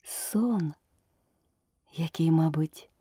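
A woman reading a children's story aloud in an expressive storytelling manner. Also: low voice, extremely slow, breathy edge, dry recording.

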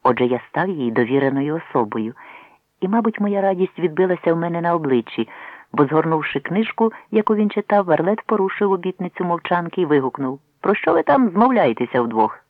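Man, storyteller, acts out dialogue, fairly high voice, thin phone-like audio. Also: expressive, brisk, dry recording. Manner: voices characters by shifting pitch. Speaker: narrator. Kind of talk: audiobook reading with acted dialogue. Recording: tinny phone-like sound.

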